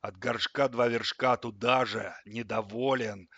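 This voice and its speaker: A man's voice: mid-range voice, steady tone, measured pace, fairly bright tone, slightly rough, no echo, highs cut off. A man voicing a stingy male water tap in an audio story, growling and grumbling.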